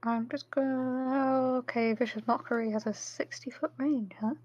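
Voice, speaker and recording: A woman's voice: high voice, fairly even intonation, moderate pace, a little mellow, a little hiss or hum. A woman playing a tabletop game, casual and playful, explaining her spells to the table. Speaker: player. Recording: dull, dry voice-call mic.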